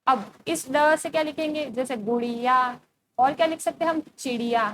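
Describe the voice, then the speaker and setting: A woman's voice: high-pitched, moderate pace, a bit bright, a little hiss or hum. A woman teacher explaining a school lesson step by step, asking questions and then answering them herself. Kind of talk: recorded classroom lesson.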